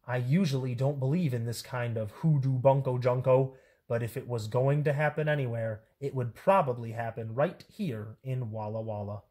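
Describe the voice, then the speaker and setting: A woman's voice: rumbling low, normal speed, mellow, slightly rough. A woman voicing a bossy, conspiratorial female school nurse with emphatic, rhyming silly talk. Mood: probing.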